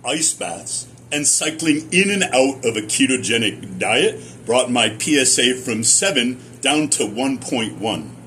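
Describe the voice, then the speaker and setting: A middle-aged American man giving a personal testimonial in a deliberate, emphatic storytelling manner with short repeated phrases. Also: mid-range voice, lively intonation, sharp tone, a little hiss or hum. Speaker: speaker sharing personal experience, former academic researcher.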